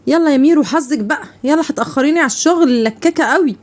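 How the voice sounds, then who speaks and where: A woman's voice: sits high, natural voice. An actress with an Egyptian accent playing a strict mother who scolds and gives orders to her eldest daughter. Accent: Egyptian Arabic. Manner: bossy, scolding, fast. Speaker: mother in a family skit.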